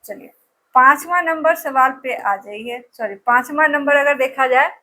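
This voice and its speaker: A woman's voice: high-pitched, unhurried, bright, forceful tone. A woman teacher giving an exam-prep lesson, drilling place names with memory tricks and repeating each answer over and over.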